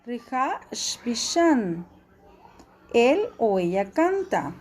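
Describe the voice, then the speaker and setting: Woman teacher, high pitch, slow patient delivery, repeats forms for class. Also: sing-song, darkish tone, husky. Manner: patient, repeats each form slowly for students. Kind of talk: classroom language lesson.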